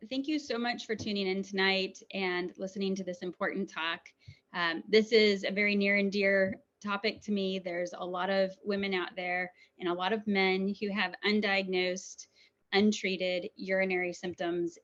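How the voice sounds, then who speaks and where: A woman's voice: mid-range voice, a bit bright. A woman urologist from New Zealand giving a conversational webinar talk with frequent ums. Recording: dull lo-fi webinar audio.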